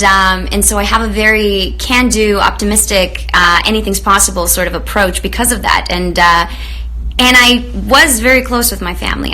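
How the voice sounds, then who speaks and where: Her voice is medium in pitch and the recording is rough. She's a Romanian woman running a live online show, greeting viewers warmly and chatting effusively, with many fillers.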